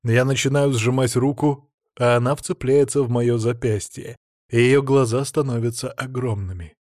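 A man reading first-person audiobook narration in a calm, measured, menacing manner. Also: medium pitch, dry recording, clean studio sound.

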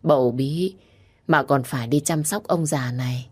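A woman's voice: a bass voice, moderate pace, slightly rough. A woman voicing a frail, kindly old father-in-law in a storybook reading. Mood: gentle.

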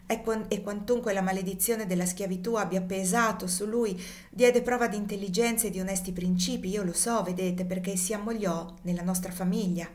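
A woman reading the part of a courteous, kindly young gentleman in an audiobook, with a polite, warm-hearted delivery. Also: medium pitch, steady tone, brisk, natural voice. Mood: praising.

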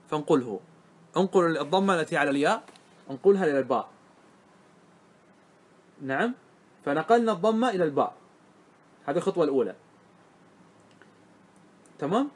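High-voiced male grammar teacher. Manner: explains step by step, often checking understanding with the class. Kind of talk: classroom lesson on grammar.

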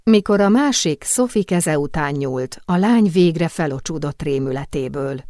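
Woman, lowish voice, audiobook narration, expressive storytelling, dry close recording. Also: no echo. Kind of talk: scripted narration.

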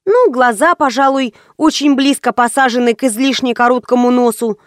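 A woman's voice: sits high, normal speed, no echo, clean studio sound. A woman narrating a first-person audiobook in a wry, ironic storytelling manner.

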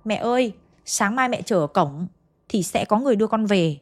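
Soft-spoken young ghost girl in a dream, as a woman narrator puts her on. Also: mid-range voice, lively intonation, normal speed, faint music behind, close to an everyday voice. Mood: pleading.

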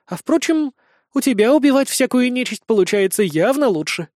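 A man voicing a bold, tipsy young woman soldier who talks in a squeaky, sulky, sassy way. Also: animated, normal speed, darkish tone, no room sound, clean studio sound, close to an everyday voice. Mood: frightened.

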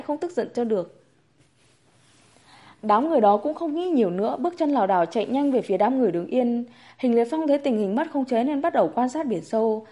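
Mellow-voiced woman narrating a novel. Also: on the high side. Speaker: audiobook narrator.

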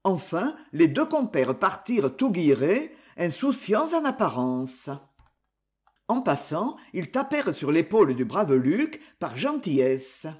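An audiobook reader narrating a classic novel in a measured, expressive way, giving the characters voices. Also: mid-range voice.

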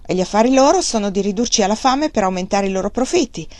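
A woman's voice: medium pitch, expressive, fast talker, darkish tone, no room sound, natural voice. A woman reading the part of a blunt, angry middle-aged male mill worker, defiant and scornful.

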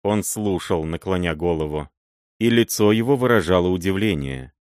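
Мужчина, размеренно и драматично читающий вслух исторический роман. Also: male voice, low-pitched, expressive, a little mellow, clear, resonant tone, no room sound, studio quality. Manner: measured, dramatic reading. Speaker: audiobook reader. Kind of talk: literary audiobook narration.

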